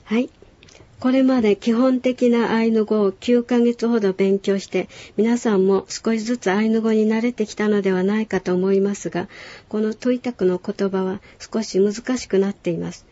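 A woman teaching a radio language lesson, calmly explaining words and stories. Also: medium pitch, normal speed, dry recording, highs cut off. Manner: calm explanatory lecturing. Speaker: language instructor.

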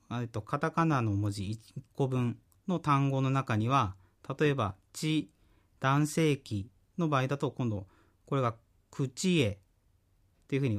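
A man teaching a radio language course, explaining grammar slowly and carefully with frequent pauses. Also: mid-range voice. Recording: radio broadcast.

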